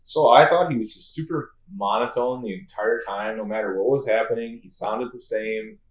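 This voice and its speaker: A man co-hosting a casual game podcast, animated, now and then acting out gruff movie lines. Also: fairly low pitch, moderate pace. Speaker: podcast co-host. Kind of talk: casual chat. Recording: echoey room.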